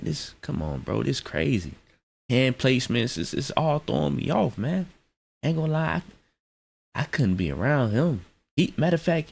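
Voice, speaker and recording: Man, slangy reaction rant, gravelly, breathy edge, lively swings in pitch. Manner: animated slangy ranting. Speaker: commentator reacting to clips. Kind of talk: casual reaction commentary.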